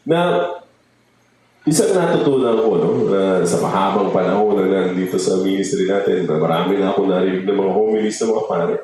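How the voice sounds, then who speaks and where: A man's voice: low-pitched, normal speed, warm tone. A man giving a conversational sermon as a lay preacher, joking and often prompting the congregation for amens. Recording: very echoey hall with faint noise.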